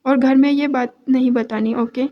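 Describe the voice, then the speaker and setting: A woman's voice: sits high, fairly even intonation, muffled recording. A woman voicing a young husband who coaxes and placates his wife, in an audio novel reading. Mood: coaxing. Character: young man, patient husband, gently teasing.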